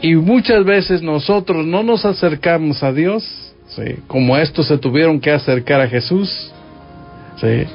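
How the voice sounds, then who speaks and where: A man's voice: fairly high pitch, unhurried, lo-fi sound, faint music behind. A man with a Mexican accent teaching a Bible passage on a radio program, talking conversationally and asking his listeners questions. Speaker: radio preacher.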